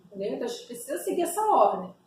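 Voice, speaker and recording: A woman's voice: high voice, very animated, very fast, darkish tone. A woman training a group, explaining step by step with frequent tag questions and sounding out example words herself. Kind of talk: teaching a training session. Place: echoey room. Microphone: distant mic. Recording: echoey room, distant mic, faint noise.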